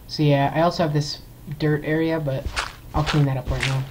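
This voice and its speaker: A man's voice: a little high, level tone, a little fast, noisy background. A man hosting a gameplay video, giving casual let's-play commentary in a rambling way, full of fillers and restarted sentences, into a desktop computer mic.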